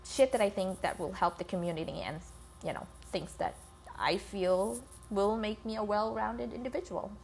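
A woman's voice: medium pitch, moderate pace, creaky, a little mellow, slight background noise, poor audio. A woman from the Philippines hosting a casual, informal solo podcast, recorded on a phone with scratching in the background. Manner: informal, swearing, addresses listeners as guys. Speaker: podcast host. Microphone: iPhone.

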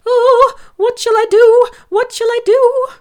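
A woman voicing a frightened young male piglet in a storybook, in a squeaky, pleading voice. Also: wildly swooping pitch, brisk, a little mellow, heavily acted. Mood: panicked.

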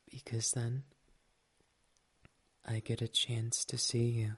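A speaker performing an ASMR roleplay as a doting partner, whispering softly, close to the mic, affectionate and teasing. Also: medium pitch, husky. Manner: soft, intimate whispering.

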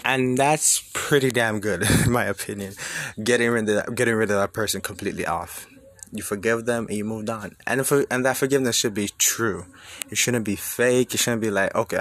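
Thinking aloud in a relaxed, conversational style, this young adult student from Jamaica shares personal reflections punctuated by emphatic rhetorical questions. His voice sits on the low side with a slightly bright quality.

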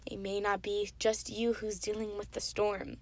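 A young woman giving a casual devotional sermon, retelling a Bible story and often dropping into soft whispers. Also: medium pitch, little pitch movement, moderate pace.

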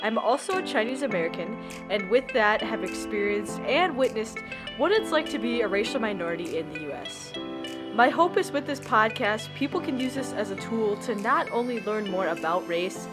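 A young woman hosts an interview podcast in a friendly, earnest way. Her voice sits at a middle pitch for a woman, and faint music plays under her words. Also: very animated, normal speed. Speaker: podcast host.

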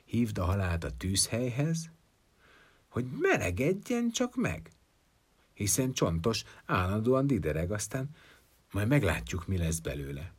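A man's voice: on the low side, very animated, slightly rough. A man playing a wise old sage. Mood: advising. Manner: advising, measured. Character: thoughtful old male sage giving counsel. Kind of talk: storytelling.

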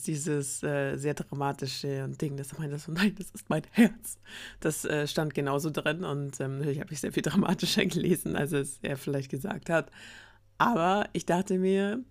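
A woman retelling a fairy tale on a podcast in a casual, ironic, chatty way with fillers. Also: deep voice. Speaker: podcast storyteller.

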